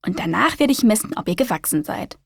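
A woman voicing a kind female receptionist at a doctor's office in a children's story, gentle and explaining. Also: mid-range voice, lively intonation, fast talker, creaky, slightly rough, no echo, studio quality. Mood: friendly.

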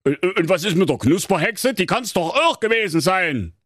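A man's voice: sits high, sing-song, normal speed, a bit bright, no echo, studio quality, voice pushed up, exaggerated voice. A man voicing a sly, defensive male wolf suspect who blusters and waves off blame. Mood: blustering. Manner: blustering, dismissive.

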